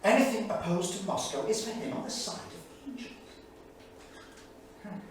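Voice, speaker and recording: A male actor with a high, animated voice reads from the diary of a grave, anguished English intellectual of 1938, using a measured, erudite, emphatic stage manner that comes across as sardonic and alarmed. The staged reading is captured from a distance in a small, echoey indoor theatre studio, with faint noise in the background.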